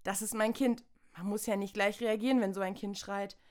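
A woman's voice: mid-range voice, fairly even intonation, fairly quick, a little mellow. A woman from Saxony-Anhalt in a satirical stage monologue, prim and self-important, lecturing. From Saxony-Anhalt, Germany.

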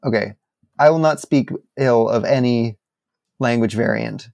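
A man's voice: medium pitch, normal speed, vocal fry, a little mellow, no echo. A man co-hosting a casual podcast, wry and dry-witted. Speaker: podcast co-host. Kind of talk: casual chat.

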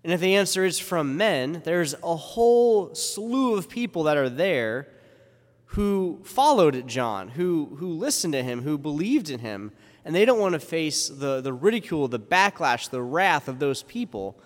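A man's voice: on the high side, big pitch swings, unhurried. Man preaching in a cathedral-like echo. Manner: rhetorical questions, informal asides. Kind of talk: Gospel reading and conversational homily. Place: large echoing church interior. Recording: cathedral-like echo, long hall reverb.

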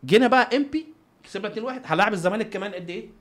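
Very fast-talking Egyptian man telling stories. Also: sits high, fairly bright tone. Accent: Egyptian Arabic. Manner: acts out dialogue and sound effects. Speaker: footballer guest, goalkeeper. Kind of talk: animated anecdotal interview talk.

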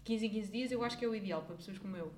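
Young portuguese woman, talks fast and bossy-playful, room echo all over. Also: medium pitch, a little mellow, slight background noise. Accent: European Portuguese. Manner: emphatic, opinionated, playful. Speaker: podcast co-host. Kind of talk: casual chat. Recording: echoey room.

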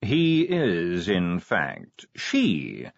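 Male reader voicing silky scheming ruler, measured, lively melody. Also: low voice, gravelly, no room sound, heavily acted. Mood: suave. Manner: suave, measured, politely evasive. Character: smooth, calculating older male city ruler. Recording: dry, slightly dull audiobook recording.

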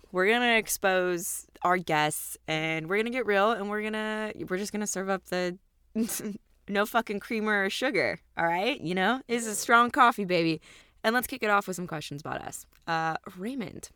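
A woman co-hosting a podcast in casual, bantering chat, speaking with animated emphasis from inside a walk-in closet. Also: medium pitch, moderate pace, clean tone, no room sound, studio quality. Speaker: podcast co-host. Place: walk-in closet in a small apartment.

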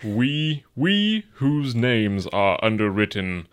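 A man putting on an old-timey voice to slowly and solemnly read an old charter aloud. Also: medium pitch, very animated, clean tone. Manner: slow, stately recitation. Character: old-timey male document reader, solemn and grand.

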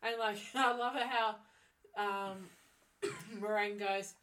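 A woman's voice: mid-range voice, fairly even intonation, slow pace, fairly bright tone. A woman chatting casually as a co-host, reacting and asking questions in short conversational bursts. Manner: brief, conversational interjections. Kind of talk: casual chat.

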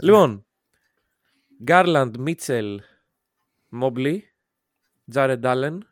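A man chatting casually as a podcast co-host, animated, with quick interjections. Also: mid-range voice, dry recording, studio quality. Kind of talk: casual basketball chat.

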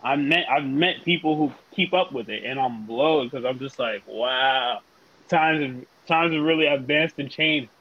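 A man co-hosting a casual podcast chat, animated and playful. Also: mid-range voice, unhurried, dull audio. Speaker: podcast co-host.

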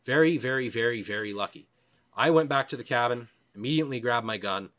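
A man in casual conversation telling a survival story, profane and animated, often acting out his own thoughts. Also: mid-range voice, fast.

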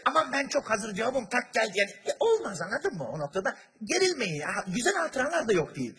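High, bright-voiced stand-up comedian. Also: male voice, quick pace. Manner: animated storyteller, acts out voices, chats with the audience. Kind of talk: stand-up comedy with crowd work. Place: large theater stage before a live audience.

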